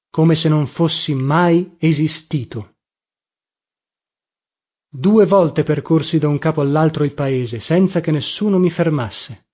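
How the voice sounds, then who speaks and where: Male audiobook reader, fairly high voice, mellow tone, measured and reflective first-person narration. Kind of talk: scripted literary narration.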